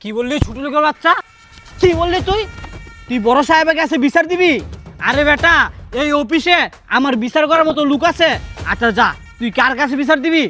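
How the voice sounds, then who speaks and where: A man's high, bright voice rushes along as he plays a greedy office manager in a short film, furious and sneering with threatening scorn. The sound is dry and close, with soft background music.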